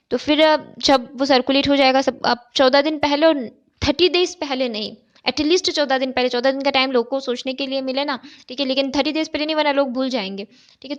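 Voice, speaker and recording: A woman chartered accountancy tutor, explaining step by step in a recorded exam-prep lecture. She poses questions and then answers them, and often checks in with "okay". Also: high voice. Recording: dull, lo-fi recording.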